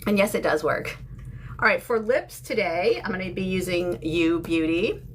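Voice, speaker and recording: This woman in her fifties, an American-accented livestream host from the UK now living in San Francisco, chats informally with her viewers in casual beauty talk. Her voice is on the low side at a normal speed. The recording is clear, though background noise and room ambience come through.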